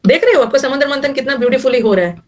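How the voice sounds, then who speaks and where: A woman's voice: high-pitched, expressive, very fast, darkish tone, recorded from a distance. A middle-aged woman teaching an English vocabulary class, mixing Hindi and English and using jokey memory tricks for each word.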